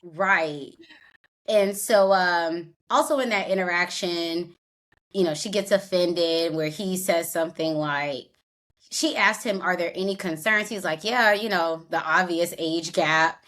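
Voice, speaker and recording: Lower-voiced woman podcast co-host. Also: unhurried, fairly bright tone. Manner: recounts scenes, acts out quotes. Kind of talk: casual recap chat.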